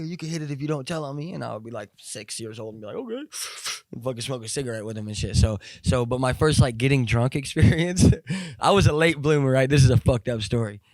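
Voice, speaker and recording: A young man as an interview guest, telling stories in a rambling, profane, animated way with lots of fillers. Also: medium pitch, no room sound. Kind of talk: casual storytelling.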